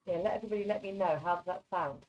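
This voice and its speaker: Speaking very fast in a lowish voice, a woman born in England who grew up largely in Norway gives informal live psychic card readings as a guest presenter, in a chatty, direct, reassuring style. Her English carries a Norwegian influence, and the online video call audio is muffled and soft.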